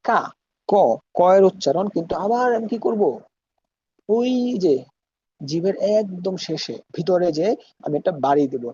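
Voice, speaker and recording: A man's voice: sits high, warm tone, a little hiss or hum. Man teaching letter sounds, slightly muffled. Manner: slow, repeats each sound many times to demonstrate. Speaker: Arabic teacher. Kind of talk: pronunciation lesson.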